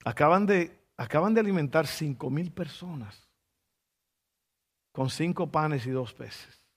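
A man preaching a sermon, telling a story with lively asides and rhetorical questions. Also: fairly high pitch, a little slow, husky, in a large hall.

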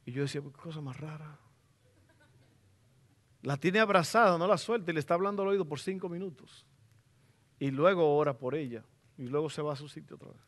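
A middle-aged man preaching a sermon as pastor in a church, fervent and rising to loud exclamations. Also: fairly high pitch, quick pace. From Latin America.

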